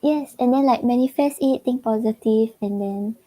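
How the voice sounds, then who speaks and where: A Singaporean woman with a Singaporean English accent gives casual tarot readings on a livestream, her voice a little high and dark-toned at a moderate pace. She chats loosely, giggles often and fills her speech with "like".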